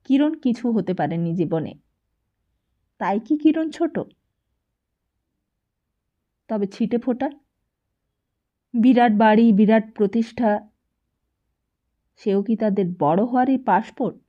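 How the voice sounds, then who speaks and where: A woman narrating a novel as an audiobook in slow, measured storytelling. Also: a little high, animated. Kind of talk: scripted narration. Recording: dull lo-fi recording.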